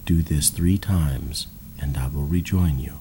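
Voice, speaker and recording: A man guiding a slow, calm breathing and body relaxation exercise in a soothing voice. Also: a bass voice, slight background noise. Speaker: meditation guide. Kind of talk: guided relaxation narration.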